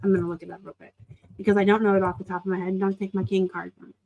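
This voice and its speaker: Woman with vocal fry, chatting casually. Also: rapid-fire, dull audio, slight background noise. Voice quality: vocal fry, shrill edge. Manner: excitable, panting into the mic. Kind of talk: casual live chat.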